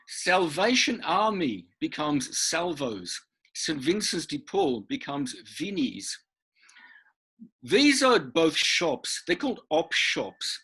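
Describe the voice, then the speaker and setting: Husky man teaching slowly. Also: fairly high pitch, a bit bright. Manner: repeats words for emphasis, patient explaining. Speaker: English teacher. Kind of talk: online workshop presentation. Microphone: video call.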